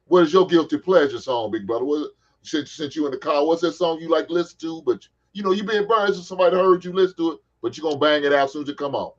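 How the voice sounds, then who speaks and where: A podcast host in his forties from the San Francisco Bay Area leads a casual sports chat, joking and cursing freely. His voice sits on the high side and moves quickly, and the recording has its highs cut off.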